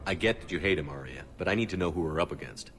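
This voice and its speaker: Low, brisk military commander. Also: male voice, animated, a bit bright, slight background noise. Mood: probing, businesslike. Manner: direct, businesslike. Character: steady, no-nonsense human male military commander. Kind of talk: video game voice acting.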